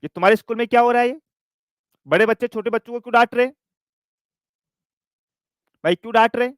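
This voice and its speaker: Man voicing an angry mother, rapid scolding, high, dry. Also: dry recording. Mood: indignant. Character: furious mother scolding a school principal.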